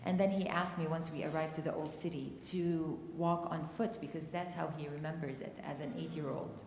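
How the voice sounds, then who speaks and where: A Palestinian woman on a panel in a church hall shares a personal story at a community discussion, earnest, emotional and close to tears. Her low voice stays steady at a moderate pace, a little mellow. The hall is echoey, with faint noise.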